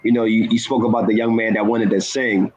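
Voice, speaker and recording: A man speaking as a guest in an inspirational talk, earnest and measured, stressing key words. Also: lowish voice, flat delivery, darkish tone, slight background noise, low-quality recording. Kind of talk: inspirational talk-show conversation.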